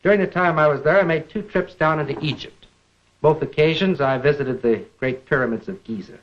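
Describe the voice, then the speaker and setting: A middle-aged American man's educational lecture plays on a 1950s film soundtrack; he is measured and deliberate and poses rhetorical questions. His voice is on the high side. The sound is lo-fi, with slight background noise.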